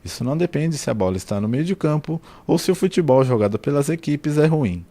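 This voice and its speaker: A man's voice: fairly high pitch, expressive, fast talker, warm tone. A Brazilian man reading scripted narration as a reporter.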